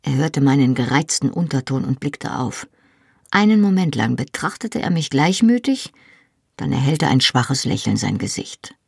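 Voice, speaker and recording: Gravelly-voiced audiobook narrator. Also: female voice, rumbling low, very animated, a little mellow, no room sound, clean studio sound. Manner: measured storytelling. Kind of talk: first-person novel narration.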